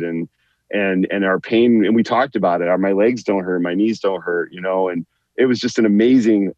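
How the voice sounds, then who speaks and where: A man's voice: lowish voice, darkish tone, no room sound. A man who is a guest on a talk show, telling a long personal story and often repeating and restarting his words. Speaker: guest, veteran author. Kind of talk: storytelling in an interview. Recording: muffled dry lo-fi line.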